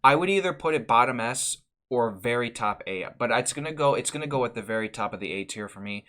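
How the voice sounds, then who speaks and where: A channel host ranks movies in a casual vlog, his medium-pitched voice expressive, quick, and fairly bright. He rambles, restarting often and repeating words as he gives candid opinions.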